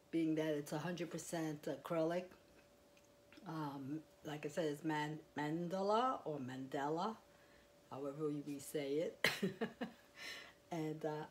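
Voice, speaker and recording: A woman with a low voice talks through her crochet in a loose, rambling way, full of fillers. She speaks into a clip-on mic in a quiet house, with a faint hiss behind her. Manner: rambling, chatty, with fillers and small laughs. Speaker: crochet vlogger. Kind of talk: casual show-and-tell. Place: quiet home, indoors.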